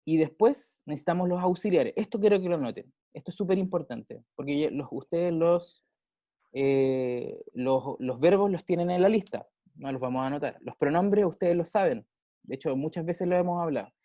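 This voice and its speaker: Mellow chilean teacher explaining. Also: male voice, a little high, animated, normal speed, no room sound, lo-fi sound. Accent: Chilean Spanish. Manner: explains with everyday examples, checks in with students often. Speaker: English teacher. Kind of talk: casual classroom explanation.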